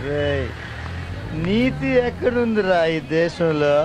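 An actor playing a bitter, betrayed outcast in a film melodrama, ranting in an embittered manner. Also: male voice, high-pitched, animated, slow pace, rough recording. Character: bitter, betrayed, outcast man raging at his country. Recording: film scene under loud music.

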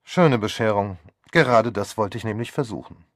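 A man's voice: on the low side, normal speed, no room sound, studio quality, lightly acted. A man reading an audiobook voices a flippant young man who talks in a breezy, sardonic way. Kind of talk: audiobook character voice.

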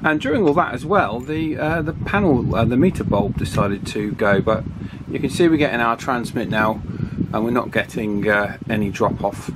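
This electronics hobbyist speaks in a mid-range voice at a moderate pace with few pauses, though he still hesitates a bit while thinking aloud through a casual repair demo. He's working in a small office workshop, and the clear recording carries wind noise from a table fan.

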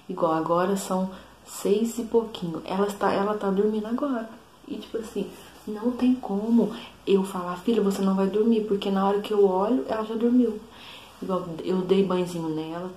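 A young woman with a Brazilian Portuguese accent, chatting casually to camera as a mother vlogger, often asking "sabe?". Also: mellow. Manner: chatty, says "sabe?" often, quotes her toddler in a higher voice. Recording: echoey room with faint background noise.

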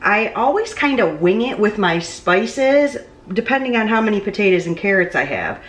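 Her mid-range voice swings widely in pitch at a normal pace, captured from afar. The woman, in her thirties, casually chats through a cooking vlog in a small home kitchen, moving as she works, so the camera mic's distance varies amid roomy echo and off-mic stretches.

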